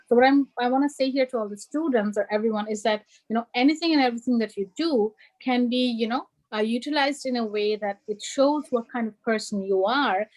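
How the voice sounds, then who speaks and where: A young woman from Bangladesh who grew up in Germany speaks in an earnest, emphatic way, dotting her points with "you know" and "like". Her voice sits fairly high. She comes across as an alumna sharing advice on a panel talk. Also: darkish tone, rough recording. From Bangladesh, raised in Germany.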